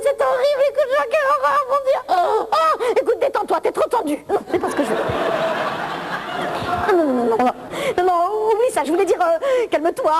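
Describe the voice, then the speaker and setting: Actress playing a flustered, prudish woman in her thirties, high voice with wild swoops, shrill comic protests, noisy VHS tape. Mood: shrieking. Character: naive prim woman, thirty-six, shrieking and flustered. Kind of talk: comic sketch monologue.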